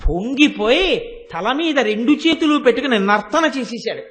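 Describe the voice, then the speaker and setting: High, bright-voiced man giving a devotional discourse. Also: lively intonation, moderate pace, big-room sound. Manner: impassioned storytelling, chants verses. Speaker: devotional speaker.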